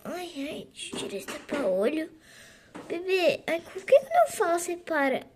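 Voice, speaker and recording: A woman's voice: very high-pitched, very animated, normal speed, a little hiss or hum. A young woman voicing a tired mother on a flight with a crying baby, sighing and weary. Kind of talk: game role-play voiced over.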